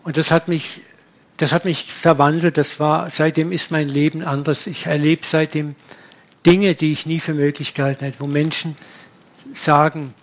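A man preaching, telling a personal testimony in a lively storytelling manner. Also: fairly high pitch, moderate pace. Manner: animated storytelling, acting out dialogue.

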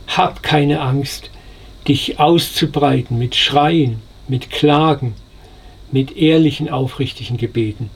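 A man's voice: mid-range voice, gravelly, breathy edge. A man preaching a devotional sermon, earnest and consoling, speaking straight to the listener.

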